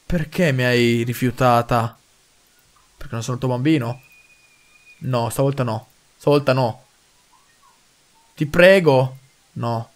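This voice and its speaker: A young man commenting on a horror game as he plays, excitable, with mild cursing and lots of talk to his viewers. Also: mid-range voice, takes it slowly, pauses often. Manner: excitable, swears mildly, addresses viewers. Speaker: gaming video host.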